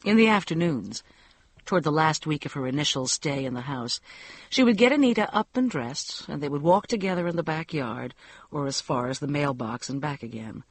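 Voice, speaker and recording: High-voiced male audiobook narrator. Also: expressive, moderate pace, dry recording. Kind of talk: first-person novel narration.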